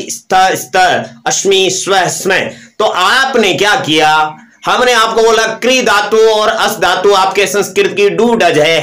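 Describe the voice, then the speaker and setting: A man's voice: high-pitched, sharp tone, echoey room. A man teaching an online grammar lesson, reciting verb forms aloud and asking and answering his own questions.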